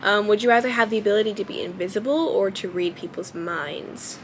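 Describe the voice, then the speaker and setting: A young female vlogger talks fairly quickly at a medium pitch, her voice childlike and baby-ish, as she chats to camera at home. Relaxed but hesitant, she thinks aloud with many ums, against slight background noise.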